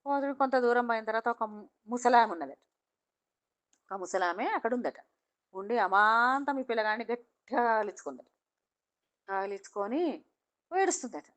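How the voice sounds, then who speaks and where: A woman's voice: fairly high pitch, normal speed, pauses often, a bit bright. A woman with a Telangana accent telling a folk tale in a chatty, repetitive oral style. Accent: Telangana Telugu. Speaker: storyteller.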